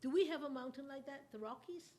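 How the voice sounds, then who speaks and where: In a study class, a Buddhist nun gives an unhurried, interactive Dharma talk, putting questions to her listeners and laughing often. Her voice sits high and sounds a little mellow.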